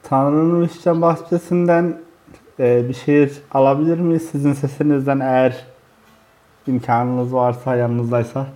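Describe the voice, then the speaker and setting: A man conducting a casual literary interview in a halting way, pausing mid-phrase. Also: medium pitch, steady tone, warm tone.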